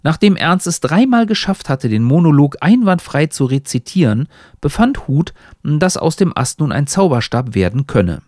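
A man reading a scripted story aloud in a wry, lively way. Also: medium pitch, no echo, studio quality. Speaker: narrator.

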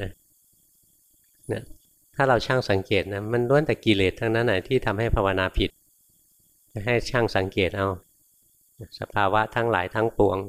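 A monk with a fairly low voice gives a Dhamma talk in an easy, conversational way. He explains patiently, softens his phrases with a gentle particle, and now and then voices the inner thoughts he describes. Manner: casual and explanatory, often tags phrases with a soft particle; briefly acts out inner thoughts in quoted asides. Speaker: Buddhist monk teacher.

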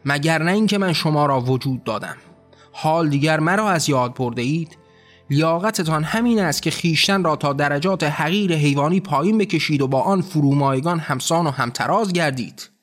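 A raging, tyrannical god rants and roars threats at his court, as a man puts him on. The voice sits somewhat high, and soft music plays beneath it. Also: natural voice. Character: wrathful tyrannical male god ruler.

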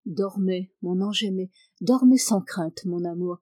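A woman's voice: on the low side, unhurried, warm tone, no room sound, studio quality. A woman reading the lines of a tender, coaxing young husband, an army captain, in an audiobook. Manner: coaxing and affectionate.

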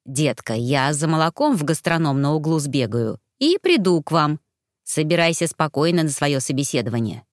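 A woman voicing a brisk, businesslike older neighbor woman in a storybook reading. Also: deep voice, animated, no room sound, clean studio sound, pitched below the performer's own voice.

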